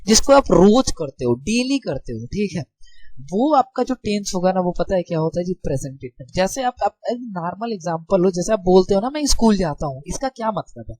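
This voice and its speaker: Speaking a little fast in a high, slightly mellow voice with lively intonation, this young man gives a casual grammar lesson in a dry recording. He's friendly, tossing out rhetorical questions and making sure his class keeps up.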